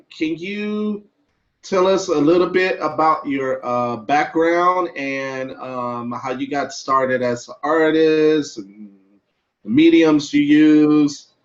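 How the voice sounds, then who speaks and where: A man hosting an interview as co-curator of an exhibition. He speaks slowly and haltingly, leaning on fillers, at a middle pitch. The audio sounds dull and lo-fi.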